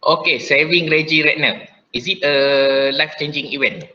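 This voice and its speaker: A man's voice: a little high, fairly even intonation, normal speed, highs cut off. A male teacher with a Malaysian English accent gives an online class lesson. He often says "okay" and repeats his instructions step by step.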